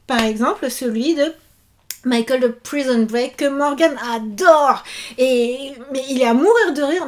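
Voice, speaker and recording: A woman in her thirties chatting casually to camera in a vlog, animated and full of fillers. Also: sits high. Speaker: YouTuber and author.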